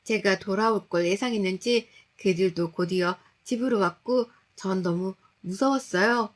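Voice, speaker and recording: A woman's voice: mid-range voice, normal speed. A woman narrating a scripted true story in an earnest, anxious way.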